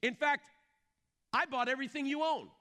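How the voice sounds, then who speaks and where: A man's voice: very high voice, normal speed, voice pushed up. A preacher doing a firm loving father. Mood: firm, reassuring. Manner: loud, emphatic and lecturing. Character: patient loving father scolding his son gently.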